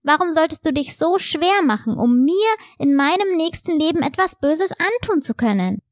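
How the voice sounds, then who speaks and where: A woman's voice: high-pitched, lively intonation, moderate pace, dry recording, studio quality, voice pushed up. A woman doing an eager little childlike soul. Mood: wondering. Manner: breathless, wide-eyed questioning. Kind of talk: storybook reading.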